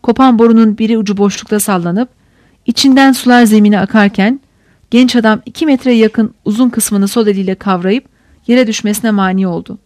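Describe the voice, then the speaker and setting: A woman reading a crime novel aloud as an audiobook narrator, in a steady, measured storytelling manner. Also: medium pitch, no room sound, studio quality.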